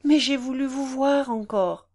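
A woman voicing an anguished young woman who pleads through her tears, in a slow storybook reading. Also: high-pitched, darkish tone, voice pushed up. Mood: tearful. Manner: pleading, tearful.

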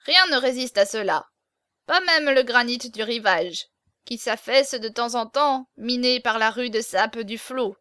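A woman's voice: a little high, measured pace, pushed and bright, no echo, clean studio sound. A woman reading the part of a small hunchbacked man, hesitant and stammering, with a hidden intensity, in an audiobook. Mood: fervent. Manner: hesitant, stammering, turning fervent.

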